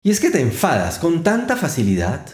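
A man's voice: fairly high pitch, huge pitch swings, a little fast, roomy sound. A man voicing an eager, polite young girl in a told fairy tale, with an earnest, pleading manner.

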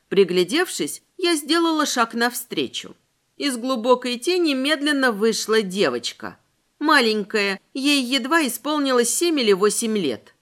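Lady narrating a fantasy audiobook, first person, really lively up-and-down voice. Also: fairly high pitch. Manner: expressive, voices the heroine's fears.

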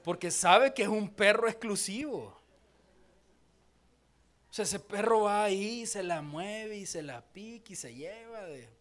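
A man preaching a sermon, with a voice that sits high for a man. He is animated and playful, slipping into little acted-out scenes and putting questions straight to his congregation. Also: unhurried. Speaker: pastor.

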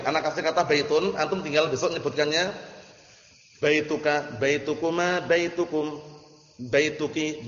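A man's voice: on the high side, fairly bright tone. A male Arabic teacher with an Indonesian accent, running a classroom lesson and drilling his students with repeated questions. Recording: roomy muffled hall recording.

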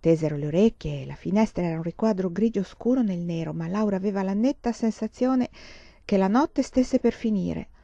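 A woman reading a children's novel aloud in a measured storytelling voice, close to the mic. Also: medium pitch, gravelly, no room sound, lo-fi sound. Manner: measured reading, slowing on narration, brighter for children's lines. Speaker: reader.

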